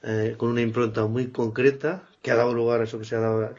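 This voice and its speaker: A man's voice: medium pitch, level tone, fast, a little mellow, dull audio. A man interviewing a guest in casual Spanish conversation, chatty and full of affirming interjections.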